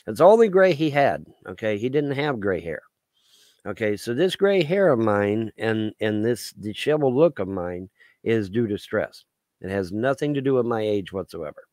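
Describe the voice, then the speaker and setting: A man's voice: fairly low pitch, sing-song, normal speed, a little mellow, no echo. A man in his late fifties hosting a casual live stream, rambling and aggrieved, swearing freely. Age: 50s. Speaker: livestream host.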